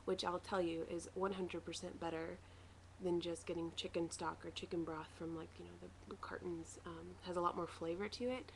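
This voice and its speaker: A woman with a slightly low voice records a casual video diary at home. She rambles along in a matter-of-fact way, as a vlogger would. There is light noise in the recording. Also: flat delivery, normal speed. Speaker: vlogger sharing a weight-loss surgery recovery diary.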